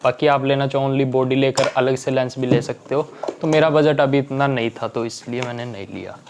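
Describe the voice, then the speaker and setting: A man's voice: mid-range voice, fairly even intonation, fairly quick, background noise. A young man chatting casually in a home unboxing vlog, often checking in with "okay" as he goes. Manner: chatty, keeps saying "theek hai". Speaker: vlogger.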